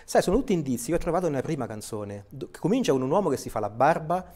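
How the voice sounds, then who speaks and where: A man's voice: on the high side, big pitch swings, rapid-fire, darkish tone. A man appearing as an author guest, explaining his book eagerly and enthusiastically. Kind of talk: casual interview talk.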